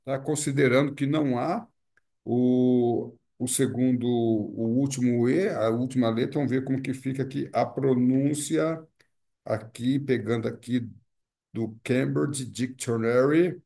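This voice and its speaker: A man's voice: medium pitch, steady tone, measured pace, gravelly, warm tone. A man from Brazil with a Brazilian Portuguese accent, teaching an online pronunciation lesson, explaining patiently and repeating key words with frequent tag questions.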